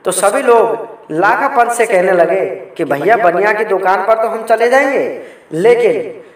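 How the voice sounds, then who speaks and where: High-voiced man telling a folk tale. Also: a little slow. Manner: keeps addressing listeners while narrating; steps out of the story to explain customs. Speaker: storyteller. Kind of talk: oral folk storytelling. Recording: very echoey, from far off the mic.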